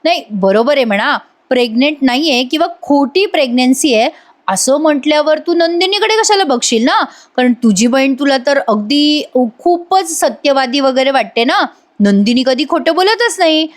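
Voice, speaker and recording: A woman's voice: high-pitched, animated, normal speed, voice pushed up. A woman voicing a sly young woman who speaks sarcastically. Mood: sarcastic.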